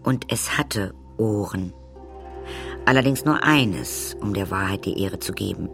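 A man narrating a children's audiobook in a lively way, speaking directly to the listeners. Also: lowish voice, measured pace, gravelly, over music. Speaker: storyteller.

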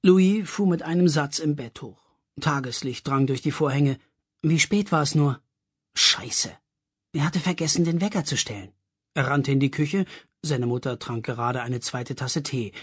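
An audiobook reader narrating a story expressively with a husky voice. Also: medium pitch, moderate pace. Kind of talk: scripted narration.

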